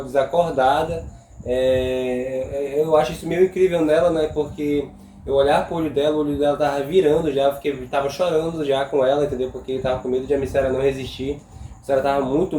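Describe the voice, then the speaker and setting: A man's voice: mid-range voice, warm tone, roomy sound, slight background noise, rough recording. A Brazilian man chiming in casually, hesitant and searching for words. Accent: Brazilian Portuguese. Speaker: vlogger's partner. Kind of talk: casual chat.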